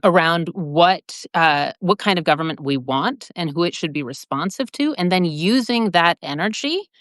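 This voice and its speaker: Earnest woman from Peru, fast bursts. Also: on the low side, a bit bright, no room sound, studio quality. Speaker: guest, democracy advocate. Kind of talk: political discussion.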